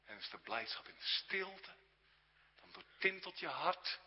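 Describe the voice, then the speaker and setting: A man's voice: sits high, very animated, a little slow. Earnest male preacher in a reverberant hall. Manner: earnest, swings from hushed whispers to raised exclaims. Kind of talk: sermon. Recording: dull sound with long hall reverb.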